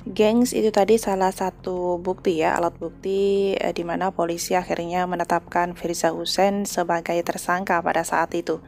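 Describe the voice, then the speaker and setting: A woman's voice: lowish voice, little pitch movement, normal speed, vocal fry, a little mellow, faint music behind. A woman hosting a news channel, reading the news in a chatty way and addressing her listeners informally. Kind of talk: casual news narration.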